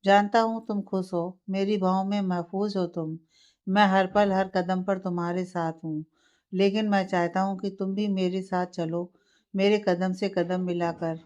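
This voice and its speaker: A woman voicing a young husband who speaks softly and pleadingly to his wife, on a slightly muffled lo-fi recording. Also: medium pitch, fairly even intonation, measured pace, lightly acted. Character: young husband, tender and hurt.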